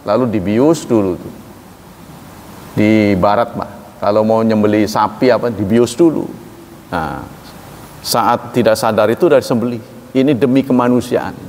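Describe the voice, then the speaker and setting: Preacher, man, casual lively sermon voice, acts out exchanges; hall reverb. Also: moderate pace, pauses often, slight background noise. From Indonesia. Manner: lively, acts out dialogues with animated pitch jumps. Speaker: Quran teacher.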